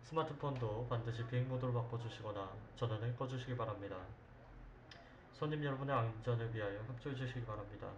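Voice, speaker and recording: Guy doing cabin PA announcements, formal and polite, echoey, loud engine roar behind. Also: mid-range voice, fast talker, lo-fi sound, background noise. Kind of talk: scripted in-flight announcements.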